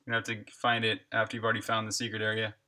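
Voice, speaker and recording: A man's voice: lowish voice, monotone, very fast, sharp tone. A man live-streaming while he codes a game, chatting casually, reading viewer comments aloud and laughing often.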